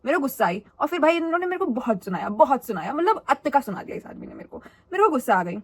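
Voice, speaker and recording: A young adult woman telling a school story in a chatty, animated and dramatic way for her vlog. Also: high voice, very fast. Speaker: vlogger.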